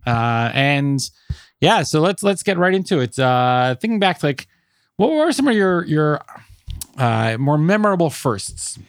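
A man's voice: a little high, very animated, a little slow, smooth, no room sound, studio quality. A man hosting a podcast in a casual, hesitant, conversational way. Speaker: podcast host.

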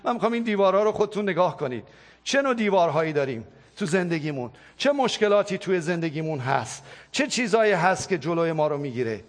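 High-voiced pastor preaching with passion. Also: male voice, expressive. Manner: impassioned, repetitive preaching cadence. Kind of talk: sermon and spoken prayer.

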